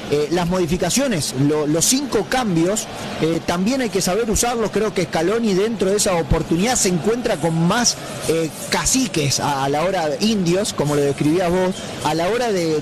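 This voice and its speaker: A man's voice: high voice, background noise. A man commentating on football on the radio, talking hesitantly with many fillers. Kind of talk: radio sports talk.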